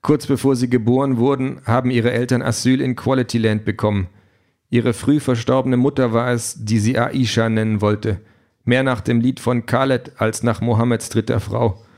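A man voicing a calm, precise male android politician who explains everything in a measured, matter-of-fact way, in an audiobook. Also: medium pitch, natural voice. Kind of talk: audiobook reading.

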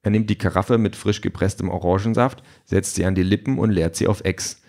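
A man reading an audiobook in a steady, dry storytelling manner. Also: sits low, a little fast. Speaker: audiobook narrator. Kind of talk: scripted narration.

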